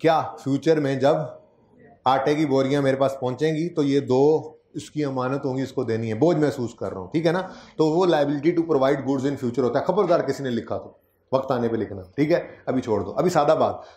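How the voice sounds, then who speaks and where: A man's voice: medium pitch, normal speed, darkish tone. A man giving a classroom lecture on accounting, explaining step by step and checking in often with his students. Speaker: accounting teacher. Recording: echoey classroom.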